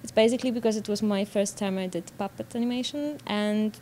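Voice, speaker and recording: A woman's voice: medium pitch, steady tone, fairly quick, mellow. A young woman with a Polish accent giving spontaneous answers in an interview as a student animator. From Poland. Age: young adult. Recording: background noise.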